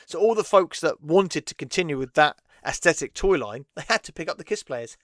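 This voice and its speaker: Guy rambling in casual chat, laughs a lot, kinda high voice, dry sound. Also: expressive, brisk, a bit bright, dry recording. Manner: chatty, rambling, laughs often. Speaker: host.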